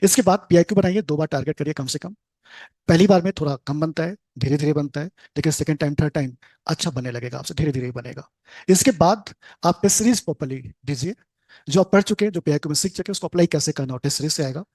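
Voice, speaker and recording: An earnest Indian coaching teacher gives his students a rapid motivational talk. His voice sits a little high and he stacks his advice in short, punchy phrases. The recording is dry and close, with no room sound. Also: darkish tone, no echo.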